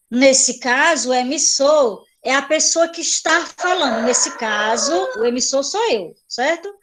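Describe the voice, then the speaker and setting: A woman teacher giving an online class, explaining patiently, repeating points and checking in with her students. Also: high-pitched.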